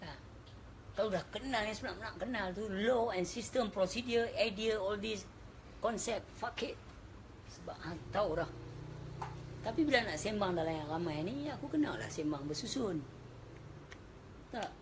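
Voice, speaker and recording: A woman's voice: medium pitch, expressive, normal speed, pauses often, a little hiss or hum. A woman with a northern Malaysian accent giving a casual religious talk, chatty and dropping in English words. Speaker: religious speaker.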